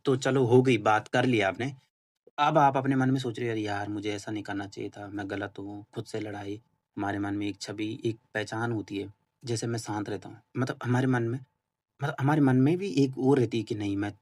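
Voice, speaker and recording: A man giving an informal, earnest spoken explanation, casual and repetitive, with many fillers and restarts. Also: medium pitch. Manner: earnest, admits he is still learning. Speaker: spiritual talk host.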